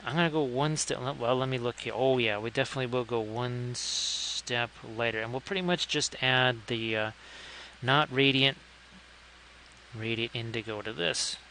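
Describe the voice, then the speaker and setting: A man casually chatting through a live stream, tossing in wry asides and thanking his viewers. His voice is bright and forward at a middling pitch, with a faint room hum behind him. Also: normal speed. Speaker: live-stream host painting miniatures.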